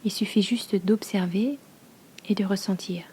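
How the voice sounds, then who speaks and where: In a slow, hushed, soothing delivery with long pauses, a yoga nidra teacher leads a guided meditation. Her soft, breathy voice is mid-range with fairly even intonation, and there's slight background noise.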